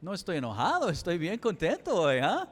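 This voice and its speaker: A man's voice: high-pitched, wildly swooping pitch, moderate pace. A male pastor, preaching a sermon with emphatic, repetitive cadence. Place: church chapel. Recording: echoey church hall.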